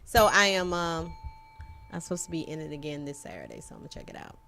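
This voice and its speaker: A woman's voice: sits low, sing-song, fast, creaky, background noise. A woman co-hosting a TV talk show in a studio, chatting casually in a playful, teasing way with slangy phrasing. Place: TV studio with event flyers on the wall.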